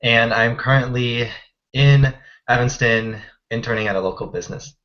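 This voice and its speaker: A man's voice: medium pitch, moderate pace, fairly bright tone. A young man from Illinois, a student peer advisor, introducing himself. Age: young adult. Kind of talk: casual introduction. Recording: dull lo-fi audio.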